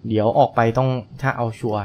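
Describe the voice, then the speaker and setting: A man's voice: mid-range voice, steady tone, fast, warm tone. Chatty man playing a truck game. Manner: chatty, polite, thinks aloud while playing. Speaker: gaming channel host. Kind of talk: casual gameplay commentary.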